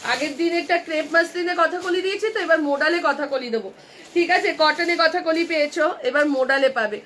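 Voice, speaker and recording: Kolkata Bengali shop seller, woman, live-stream pitch, very high and sharp, phone-mic sound. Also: fast talker, a little hiss or hum. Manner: chatty, addresses viewers directly, counts off sizes. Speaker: online clothing seller. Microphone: phone camera.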